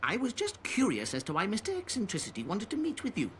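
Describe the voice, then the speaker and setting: A man's voice: sits high, huge pitch swings, quick pace, a bit bright, heavily acted. An actor playing a talkative, teasing old cat man in a video game, with a theatrical, chiding, probing manner. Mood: wry, nonchalant. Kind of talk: English video game voice acting. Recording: clearly noisy game audio with ambience.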